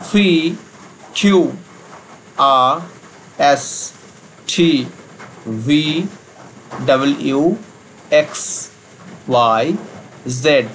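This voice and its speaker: A man's voice: mid-range voice, fairly bright tone, a little hiss or hum, rough recording. Man patiently spelling out letters. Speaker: teacher. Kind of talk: spoken English grammar lesson.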